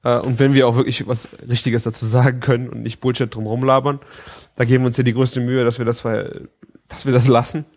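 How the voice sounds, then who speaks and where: A man speaks in a drowsy early-morning voice as he co-hosts a chatty podcast. He is laid-back and teasing, with a middle-pitched voice. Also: level tone, quick pace, a little mellow. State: sleepy morning voice. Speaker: podcast co-host. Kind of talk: casual chat.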